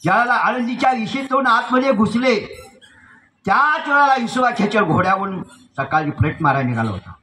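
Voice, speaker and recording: A man's voice: sits high, big pitch swings, brisk, sharp tone, rough recording. A man preaching a devotional sermon, telling a story dramatically and with emotion. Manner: dramatic, emotional, voices characters.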